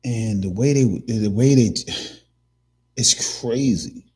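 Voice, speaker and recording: Man, husky voice, rambling talk-show host, lots of fillers. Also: mid-range voice, takes it slowly, mellow. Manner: rambling, many restarts and fillers. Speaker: podcast host. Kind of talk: casual commentary.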